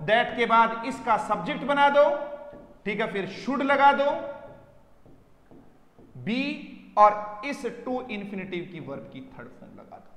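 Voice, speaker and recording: A man's voice: extremely high pitch, a bit bright. A man teaching English grammar to students in Hindi, calling them dear children and quizzing them with repeated questions. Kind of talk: classroom lesson. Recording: echoey room with long reverb.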